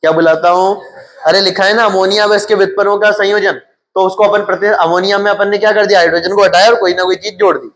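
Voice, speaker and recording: A man's voice: sits high, steady tone, quick pace, a bit bright. A male chemistry teacher with a Hindi accent lecturing his class. He keeps asking questions and answers them himself, repeating the key terms.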